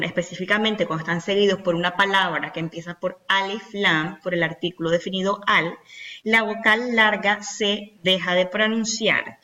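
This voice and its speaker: A woman teaching an Arabic grammar lesson, explaining step by step and slowing down to drill example words, often checking in with "ok?". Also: lowish voice, a bit bright, far from the mic. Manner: checks in with "¿ok?" and "¿verdad?".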